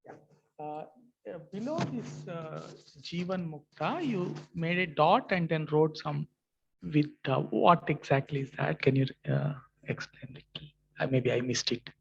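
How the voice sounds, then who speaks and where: A man's voice: fairly high pitch, a little slow, creaky. A man speaking as a student in an online class, hesitant and apologetic as he asks his teacher something. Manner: apologetic, deferential. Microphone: online call microphone. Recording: echoey, muffled online call audio.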